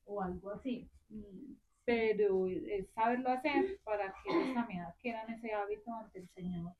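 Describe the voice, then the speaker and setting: A woman's voice: medium pitch, moderate pace. Earnest mother, slightly muffled with faint noise. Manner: earnest, heartfelt storytelling. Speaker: mother in a class discussion. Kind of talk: sharing a personal story.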